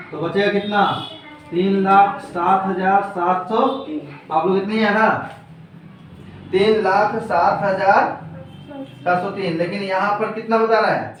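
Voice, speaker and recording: High-voiced male teacher in echoey classroom. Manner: quizzes students, repeats answers back. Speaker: commerce teacher. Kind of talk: classroom lecture. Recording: echoey room, mic far off.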